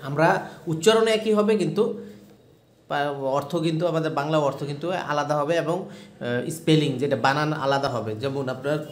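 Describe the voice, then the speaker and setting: A man's voice: a little high, a little fast, pauses often, roomy sound, slight background noise. A man teaching an English spelling lesson, spelling the letters one by one and repeating words.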